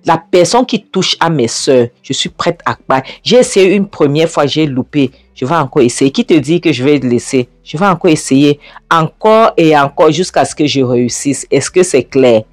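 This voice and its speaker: A woman's voice: low-pitched, expressive, normal speed, darkish tone, dry recording. A woman voicing a defiant young man who coldly taunts his rival in a film recap. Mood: taunting.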